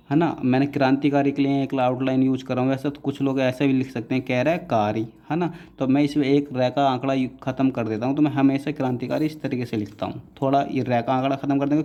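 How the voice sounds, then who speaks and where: A man's voice: medium pitch, steady tone, fast, few pauses, warm tone, lo-fi sound. A man teaching shorthand in a patient, repetitive classroom manner, often checking in with his students. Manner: patient, repeats "है ना" often, calls students "बेटा". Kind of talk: classroom lesson explaining writing rules.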